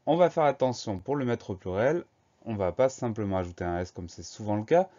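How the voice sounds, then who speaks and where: A man's voice: on the low side, animated, a little fast, dark tone, dull audio. A man teaching a spelling lesson, patiently spelling each word out letter by letter.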